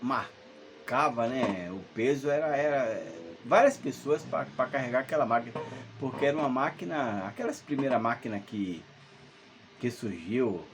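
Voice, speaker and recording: A fifty-something man from Salvador, Brazil, sits home by himself telling a ghost story from childhood, and his telling wanders, full of hesitations, fillers and restarts. He speaks at medium pitch and normal speed against slight background noise.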